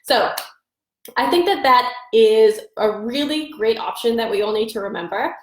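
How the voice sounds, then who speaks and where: Stuffy with allergies yet upbeat, a woman gives casual advice as a nutrition coach on a live stream, chatting away and greeting viewers by name. Her fairly high, animated voice runs at normal speed, reverberant through a phone or webcam mic.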